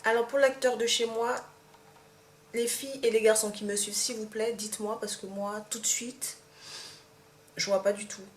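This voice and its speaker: A woman's voice: a little high, fairly even intonation, normal speed, long pauses. A young woman from Martinique with a Martinican accent, chatting to camera in a casual tag video, hesitant with many fillers and restarts. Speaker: vlogger. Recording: echoey room, faint background hum.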